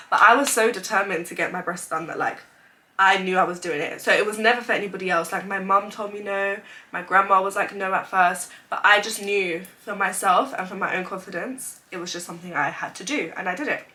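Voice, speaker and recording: Sitting at home before her camera's mic, a woman in her twenties with a cold chats openly in a casual vlog, leaning heavily on "like." Her voice is medium-pitched and sharp in tone.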